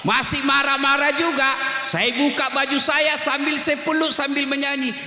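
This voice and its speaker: High, bright-voiced preacher in an echoing hall. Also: male voice, little pitch movement, moderate pace, a little hiss or hum. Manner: jokes, breaks into song, teases the audience. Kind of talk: humorous sermon. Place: large hall before an audience. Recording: echoey hall.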